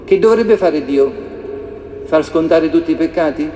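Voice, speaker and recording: Man, passionate sermon, repeated questions, fairly high voice, roomy echo. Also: animated, a little slow, warm tone. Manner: impassioned, repeats rhetorical questions. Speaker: preacher. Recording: echoey hall reverb, faint ambience.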